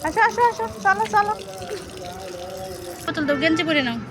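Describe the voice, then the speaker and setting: A woman's voice: very high-pitched, a little fast, crowd noise. A woman talking to her small child at bath time, coaxing in a sing-song voice and saying the same words again and again. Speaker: mother.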